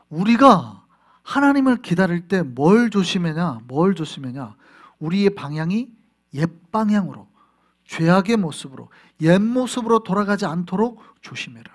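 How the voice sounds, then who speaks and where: Animated high-voiced male pastor preaching. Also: normal speed. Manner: animated, acts out scenes with rhetorical questions to the congregation. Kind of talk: sermon.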